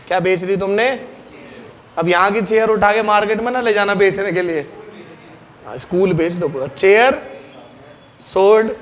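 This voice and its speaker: High-voiced man teaching a class. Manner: drills students with quick questions. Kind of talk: classroom lesson.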